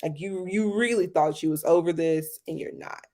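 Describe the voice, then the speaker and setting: A woman's voice: lowish voice, normal speed, dark tone. A woman co-hosting a show review podcast, chatting casually and filling her talk with "like" and "um". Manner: chatty, many fillers like "like" and "um". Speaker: podcast co-host. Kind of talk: casual chat.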